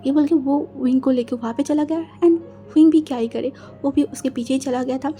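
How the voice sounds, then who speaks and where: Brief: chatty woman storyteller, high and mellow, casual narration. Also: a little fast, soft background music. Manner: chatty, mixes English words. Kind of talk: casual fan-fiction narration.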